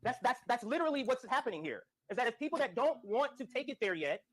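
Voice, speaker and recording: A man's voice: very high voice, very animated, fast, a bit bright. A man arguing emphatically on a call-in show, his clip played back sped up so he sounds like a chipmunk. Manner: emphatic, repeats phrases. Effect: sped-up playback, chipmunk-like. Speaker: political call-in show guest. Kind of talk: impassioned political argument.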